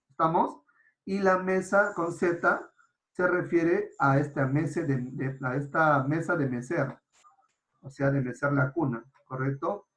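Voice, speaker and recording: Guy teacher explaining grammar, checks in with the class a lot, kinda high voice, echoey room. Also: fairly bright tone. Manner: explanatory, checks in with frequent rhetorical questions. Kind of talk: online grammar lesson. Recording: roomy echo.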